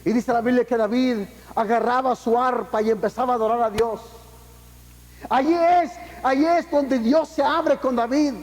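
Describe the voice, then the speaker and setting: High-voiced preaching man in an echoing hall. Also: moderate pace. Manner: impassioned, with rising emphatic peaks and rhetorical questions; mixes in casual English phrases. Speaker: pastor. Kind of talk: preaching a sermon. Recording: long echo of a church hall.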